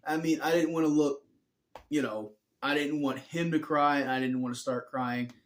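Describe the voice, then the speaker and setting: A man's voice: on the high side, normal speed. Tired, earnest young man rambling. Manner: rambling, earnest, self-correcting. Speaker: vlogger. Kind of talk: casual personal story.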